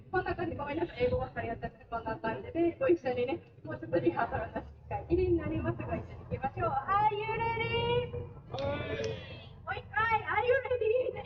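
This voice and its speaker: A woman's voice: sits high, lively intonation, a little fast. A woman guiding a boat tour, chatting with passengers in Japanese and in English with a Japanese accent and leading them in clapping. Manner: chatty, switches languages, leads crowd clapping. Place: tour boat on a canal, outdoors. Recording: distant, echoey, dull, crowd behind. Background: crowd noise.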